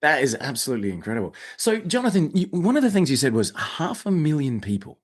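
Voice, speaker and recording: A man's voice: a little high, sing-song, fast talker. A man hosting an interview, heaping praise on his guest and stumbling through repeated starts before he reaches his questions. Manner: effusive, many repeated starts and fillers. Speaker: podcast host. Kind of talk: interview host.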